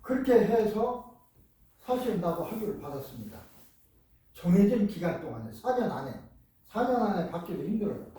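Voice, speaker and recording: An older man, a professor giving a lecture, talking in an animated, emphatic way and repeating his key words. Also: high voice, normal speed. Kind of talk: lecture on speed reading. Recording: echoey room, voice from far off.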